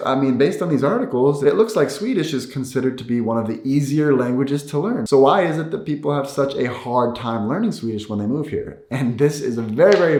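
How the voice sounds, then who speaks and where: A male video creator and host, a native English speaker, talks casually to camera, explaining things to viewers and repeating key words for emphasis. His mid-range voice is a little mellow. The room he's recording in is echoey.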